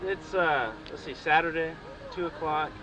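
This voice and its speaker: A man's voice: on the high side, moderate pace. A young man from Nevada chats casually and ramblingly while filming outdoors at a camp. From Nevada, United States. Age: young adult. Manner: rambling, informal. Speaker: camper filming with a camcorder. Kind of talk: casual off-the-cuff chat. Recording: dull camcorder sound, music behind.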